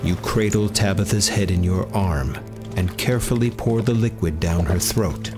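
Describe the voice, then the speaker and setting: A man narrating a story in the second person as game master, calm and steady. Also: low-pitched, normal speed. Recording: faint music behind.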